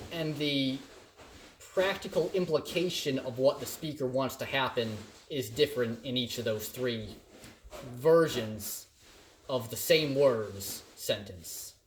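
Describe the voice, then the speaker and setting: A man teaching a recorded critical thinking lecture, playful and animated, trying out the same sentence with shifting emphasis. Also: medium pitch, slight background noise. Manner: animated and playful, acting out examples in varied emphasis. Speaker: college instructor.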